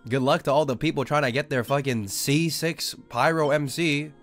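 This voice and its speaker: A streamer whose voice is a little high chats at normal speed with soft music in the background, cracking jokes, swearing, and reading chat as he plays. He's a young Australian-born man who sounds Southern Californian.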